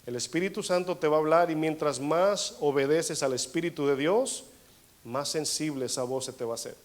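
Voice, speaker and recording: A man preaching a sermon as pastor, telling a personal story and calling the listeners brothers. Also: fairly high pitch. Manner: acts out dialogue, swings between soft asides and raised bursts.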